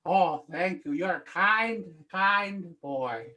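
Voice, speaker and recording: A performer voicing a spry, boastful old leprechaun who cooks stew, with folksy old-timey speech and a lively, swooping delivery. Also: mid-range voice, slow. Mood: doting.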